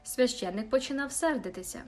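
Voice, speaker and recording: A woman reads a classic novel aloud as an audiobook, telling the story calmly. Her voice is fairly high for a woman, and soft music plays faintly underneath. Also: fairly quick. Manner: calm storytelling reading. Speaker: audiobook narrator. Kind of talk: scripted narration.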